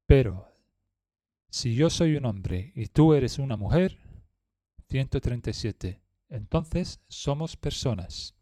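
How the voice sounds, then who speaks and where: A man reading numbered example sentences one by one in a slow, measured lesson drill. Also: mid-range voice, animated, dark tone, no echo, studio quality. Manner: reads each numbered sentence slowly and evenly. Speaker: language teacher.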